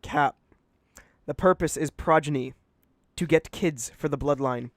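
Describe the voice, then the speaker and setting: A man's voice: fairly high pitch, a little slow, no echo, studio quality. A man hosting a casual podcast chat and reading aloud, blunt and swearing a lot. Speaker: podcast host.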